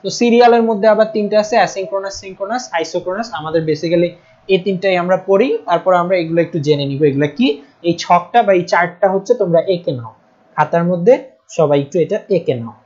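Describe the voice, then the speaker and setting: A man's voice: high voice, quick pace, darkish tone. Patient Bangladeshi male lecturer, lo-fi stream. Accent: Bangladeshi Bengali. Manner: patient, checks in often with "ঠিক আছে?"; stresses spelling and pronunciation, repeating terms. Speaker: teacher. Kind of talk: live online lecture.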